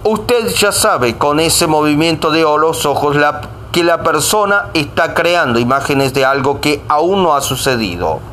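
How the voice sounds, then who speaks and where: A man's voice: on the high side, animated, a little slow, few pauses, a bit bright, a little hiss or hum. A man reading a self-help text aloud, now and then tripping over a word and saying sorry before starting the line again. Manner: stumbles over words and says sorry.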